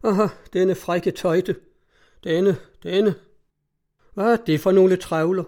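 A man's voice: high-pitched, steady tone, mellow, pitched above the performer's own voice. A man reading an audiobook and voicing a sour, spiteful old mother in a peevish, scornful way. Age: over 60. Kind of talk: audiobook narration.

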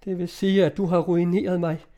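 A man's voice: fairly high pitch, warm tone, close to an everyday voice. A man reading aloud, voicing a desperate young woman in love in an old-fashioned storybook. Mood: despairing. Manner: anguished, pleading.

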